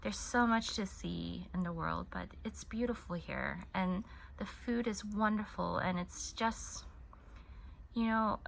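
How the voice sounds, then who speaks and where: There's vocal fry in this woman's slow, medium-pitched voice, along with a little hiss or hum in the audio. She runs a crochet channel from her Hong Kong home, talking casually as she works, rambling and restarting sentences often. In her thirties, she was raised in the US and her first language was Korean.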